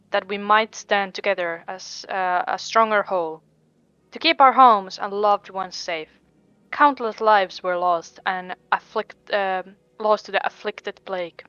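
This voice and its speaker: A woman's voice: medium pitch, a bit bright, clear, resonant tone, no echo, lightly acted. A woman reading aloud the lines of a formal official who asks heroes for help, in an earnest, slightly stiff manner with stumbles over names. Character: formal, grateful official asking heroes for aid. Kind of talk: reading game dialogue aloud. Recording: dull lo-fi mic.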